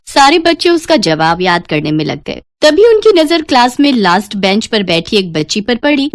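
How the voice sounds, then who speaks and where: Expressive woman narrating a cartoon story. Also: on the high side, dry recording, studio quality.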